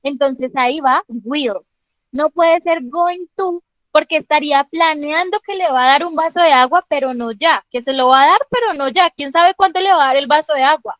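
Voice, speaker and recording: A woman's voice: high-pitched, normal speed, fairly bright tone, dry recording, low-quality recording. A woman teacher explaining grammar in an online class, patiently checking understanding with frequent questions and calling on students by name. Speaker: English teacher.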